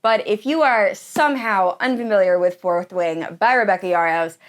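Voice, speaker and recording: A woman in her thirties vlogs about books, chatting casually and enthusiastically to viewers in a gushing manner. Her voice is medium in pitch and her speed is normal.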